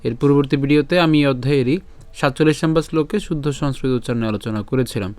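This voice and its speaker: A man teaching the pronunciation of a Sanskrit verse syllable by syllable, asking and answering his own questions and chanting the lines slowly. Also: mid-range voice, darkish tone, no echo. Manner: breaks words into syllables, repeats them, asks and answers his own questions. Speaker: Gita recitation teacher. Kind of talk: step-by-step Sanskrit pronunciation lesson.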